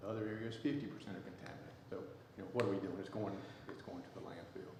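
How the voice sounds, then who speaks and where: A council member with a Southern US accent, speaking bluntly and defiantly, halting with many fillers. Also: male voice, low voice, fairly even intonation, a little mellow. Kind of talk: council debate remarks. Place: city council chamber. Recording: echoey council chamber, faint noise.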